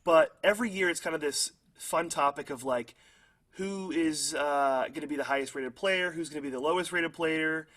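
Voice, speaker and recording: A young man co-hosts a football podcast in easy, casual chat. His voice sits a touch high, and he hedges with fillers and laughs at his own hot takes. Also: normal speed, a bit bright. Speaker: podcast co-host.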